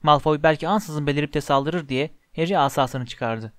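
A man narrates a story in a steady, expressive reading voice. His pitch sits a little high for a man. The recording is dry and close, with no room sound. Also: moderate pace, no room sound. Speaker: audiobook narrator.

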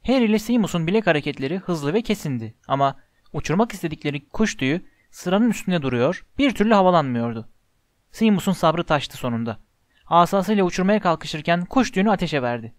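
A man narrating a storybook in an even, measured way. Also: sits high, no echo, studio quality. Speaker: audiobook narrator.

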